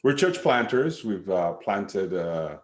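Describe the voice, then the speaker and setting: A middle-aged man from Sierra Leone, a pastor, telling a personal story in a relaxed way with lots of fillers over a home video call. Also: deep voice, takes it slowly, reverberant. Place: living room at home, indoors. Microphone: webcam on a video call.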